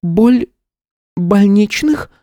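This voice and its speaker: Робкая, перепуганная полноватая женщина лет сорока, которую изображает мужчина-чтец, отвечает высоким, сдавленным голосом, заикаясь и подобострастно. Персонаж аудиокниги, голос звучит высоко и чуть отдалённо. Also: male voice, high-pitched, lively intonation, very slow, warm tone, dry recording, studio quality, pitched above the performer's own voice, exaggerated voice. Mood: frightened. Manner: frightened, stammering, deferential. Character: timid plump forty-year-old woman clerk. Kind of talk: audiobook character voice.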